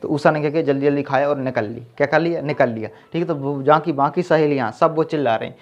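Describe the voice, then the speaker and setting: A man's voice: a little high, quick pace, a little mellow. A man teaching an exam-prep lesson with memory tricks, who keeps saying "okay" and quizzes the listener as he goes. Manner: repeats "ठीक है" and quizzes the viewer. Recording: dull lo-fi sound.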